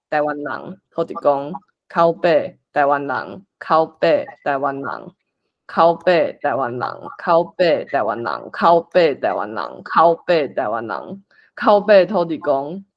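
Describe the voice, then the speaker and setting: A workshop facilitator with a Taiwanese accent guides a group through a script reading, speaking slowly with a pitch that swings animatedly up and down. Her informal delivery sounds like thinking aloud while organising things. The recording is muffled.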